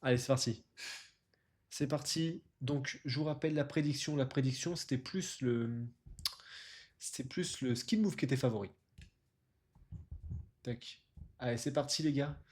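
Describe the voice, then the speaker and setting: A man's voice: mid-range voice, unhurried, pauses often, darkish tone. A man casually presenting and commentating live on an online football tournament as its streamer and host.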